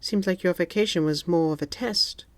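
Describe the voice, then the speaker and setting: A woman's voice: lowish voice, normal speed, dry recording, pitched above the performer's own voice, close to an everyday voice. A man voicing a coy, flirty female office secretary who teases playfully. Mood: teasing. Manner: playful, teasing.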